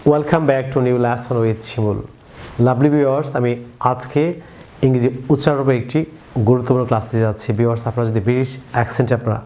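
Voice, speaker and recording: A man's voice: medium pitch, mellow. A man with a Bengali accent teaching English pronunciation, drilling words one by one and having viewers repeat after him, over faint background noise. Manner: addresses viewers again and again. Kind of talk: YouTube language lesson.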